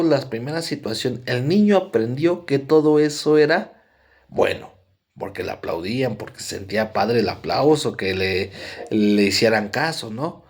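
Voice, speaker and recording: A man with a Mexican accent giving a conversational psychology lecture, often checking in with his listeners. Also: medium pitch. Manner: conversational, frequent "¿no?" tags and fillers. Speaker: psychology presenter. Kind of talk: explanatory lecture.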